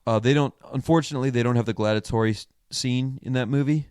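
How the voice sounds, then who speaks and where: A man's voice: medium pitch, quick pace, a little mellow, smooth, dry recording, clean studio sound. A young man co-hosting a podcast, rambling crudely and trailing off mid-thought in casual chat. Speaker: podcast co-host.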